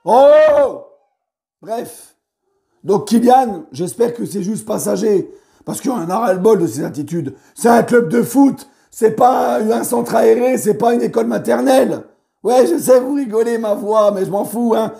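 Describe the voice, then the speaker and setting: A man with a hoarse voice giving a heated post-match debrief as a football fan, animated and swearing freely. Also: sits high, normal speed. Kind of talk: post-match vlog rant.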